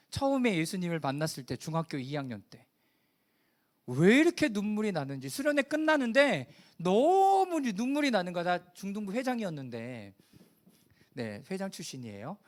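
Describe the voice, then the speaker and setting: A middle-aged man preaching a sermon as pastor, talking in a conversational way and asking the congregation questions. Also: sits high.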